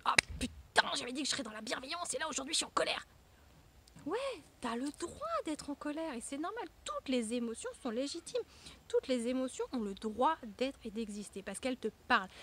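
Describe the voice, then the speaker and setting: Woman, ex-sophrologist coach; casual to-camera advice, frank and emphatic, playful swearing, fairly high voice. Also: darkish tone, slight background noise. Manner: frank, slangy, addresses the viewer with tu. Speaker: former sophrologist turned personal-growth coach.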